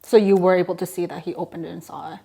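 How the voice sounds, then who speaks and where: Breathy woman giving short replies. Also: on the low side, flat delivery, fast talker, warm tone. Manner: brief encouraging responses. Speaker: podcast co-host. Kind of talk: casual chat, listening.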